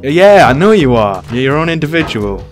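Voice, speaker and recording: A young man talks casually over his gameplay, needling a rival with sarcastic reassurance. His pitch jumps around a lot as he teases, and game music plays faintly underneath. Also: big pitch swings, normal speed. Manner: teasing, sarcastic. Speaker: gaming YouTuber.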